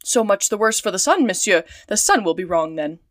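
A woman voicing an excitable, talkative male French manservant who exclaims often, his pitch jumping up. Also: fairly quick, no echo, studio quality, lightly acted. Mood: indignant.

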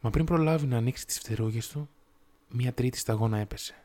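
A man reading a fairy tale aloud in a measured, steady storytelling manner. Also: medium pitch. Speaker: audiobook narrator.

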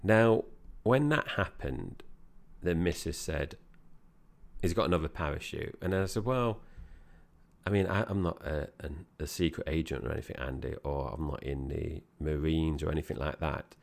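A man's voice: rumbling low, moderate pace, creaky. A man co-hosting a podcast, chatting casually about a film and addressing his co-host directly. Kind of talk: casual film review chat.

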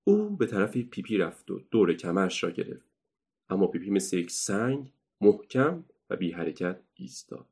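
A man narrating a children's storybook in a steady, measured reading voice. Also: low voice, slightly rough.

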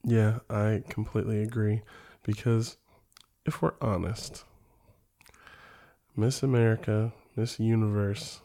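A man co-hosting a casual podcast while sick, talking in a relaxed, hesitant way with restarts. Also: fairly low pitch, slow pace, long pauses. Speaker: podcast co-host.

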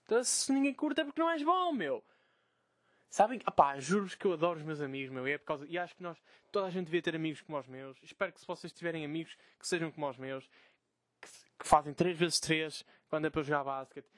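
A man's voice: on the high side, fast, fairly bright tone, no echo, studio quality. A young man with a Portuguese accent ranting in a casual solo podcast from his bedroom, swearing freely and mocking the people he quotes. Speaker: podcast host.

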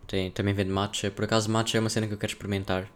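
A man's voice: on the low side, flat delivery, rapid-fire. A young man with a European Portuguese accent chatting casually on a solo podcast, rambling and slangy as he thinks aloud. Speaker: podcast host.

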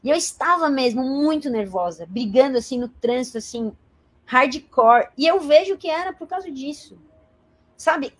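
A woman in her forties from Brazil, telling a personal story as an interview guest in a colloquial, animated way. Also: high voice, normal speed, breathy edge. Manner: animated, colloquial, acts out quoted voices.

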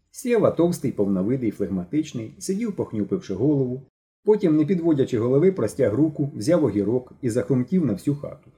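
A man reading a novel aloud as audiobook narrator, in an expressive, measured way. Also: mid-range voice. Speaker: audiobook reader. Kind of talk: scripted narration.

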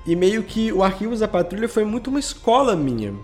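A Brazilian man, a podcast guest who creates and edits audio dramas, talks casually about his creative work using informal, slangy speech. His high voice has a sing-song quality and he talks fast. Soft music plays in the background.

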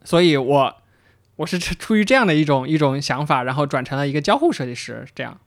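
Brief: male podcast co-host, thoughtful and personal, a bit high-pitched, dry sound. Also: lively intonation, fast talker, no room sound. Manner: reflective, storytelling, some repeated words. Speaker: podcast co-host, interaction designer. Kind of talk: casual chat.

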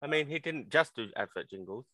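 A man's voice: mid-range voice, expressive, fairly quick, bright, forceful tone. A man co-hosting a casual podcast with short, dry remarks. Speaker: podcast co-host. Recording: dry close sound.

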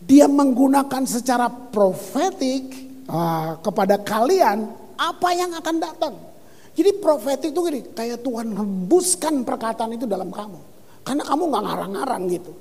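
A man preaching a lively sermon as pastor, reading scripture and exclaiming. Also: very high-pitched, normal speed, in a large hall. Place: church hall.

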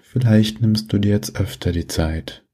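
A man guiding a sleep meditation in a soft, breathy voice, giving gentle, soothing instructions with long pauses. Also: fairly low pitch. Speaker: meditation guide.

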